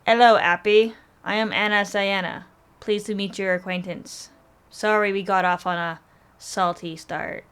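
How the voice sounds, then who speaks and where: A woman's voice: medium pitch, fairly even intonation, unhurried, fairly bright tone, clear, resonant tone. Playful teasing woman at a tabletop game. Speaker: player. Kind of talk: playing a tabletop game character.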